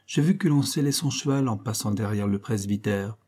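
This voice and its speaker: Un homme qui fait parler un visiteur bavard et à son aise, dans un livre audio. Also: male voice, lowish voice, moderate pace, mellow, close to an everyday voice. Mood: jovial. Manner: talkative, at ease.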